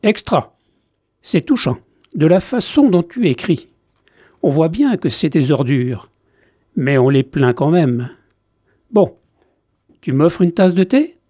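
A man's voice: on the high side, big pitch swings, takes it slowly, long pauses, mellow, no echo, studio quality, exaggerated voice. A man reading aloud and voicing an easygoing male friend with an offhand, breezy way of talking.

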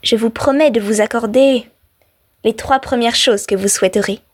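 Casting: a woman playing a solemn fairy, measured, in a radio folk tale. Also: a little high, close to an everyday voice. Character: beautiful fairy granting three wishes, solemn.

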